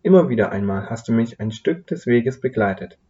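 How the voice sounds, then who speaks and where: A man voicing a gentle, cheerful little old woman who personifies Hope, speaking softly and kindly in a slightly muffled recording. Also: medium pitch, expressive, fairly quick, lightly acted.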